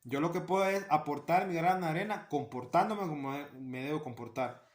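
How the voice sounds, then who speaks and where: A man's voice: on the high side, moderate pace, roomy sound. A man giving an earnest talk on liturgy, repeating key phrases for emphasis. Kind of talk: spoken catechesis talk.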